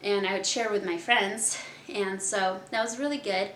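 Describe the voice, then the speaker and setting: Bright, chatty young woman in an echoey room. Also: medium pitch, fairly even intonation, moderate pace, a little hiss or hum. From Kazakhstan. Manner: chatty and candid, laughs often. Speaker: podcast host. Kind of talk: casual personal storytelling.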